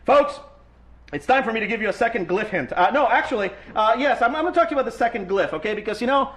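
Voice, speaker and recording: A man's voice: very high voice, lively intonation, fast, a bit bright. A man hosting a live call-in podcast, brash and sarcastic, often cutting in on callers. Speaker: radio show host.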